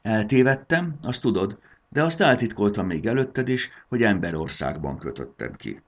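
An eager young male dragon rushes his words and coaxes in a lifted voice, as a man reads him in a storybook. The tone stays husky and gravelly underneath. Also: on the low side, sing-song, pitched above the performer's own voice. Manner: hurried, coaxing.

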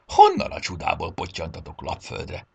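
A grumpy old Santa with a gravelly, husky voice, as a male storyteller puts him on. He scolds loudly and his pitch swings wide from line to line. The storybook reading makes him gruff but loving underneath. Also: wildly swooping pitch, full character voice. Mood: grumbling.

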